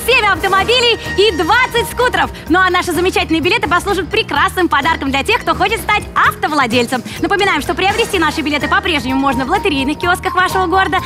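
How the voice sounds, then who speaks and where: Young woman, lottery co-host, bingo-caller delivery, extremely high voice, swooping pitch, music behind. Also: animated, fast, few pauses. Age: young adult. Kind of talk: bingo-caller echoing of numbers and scripted announcing. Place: large TV studio.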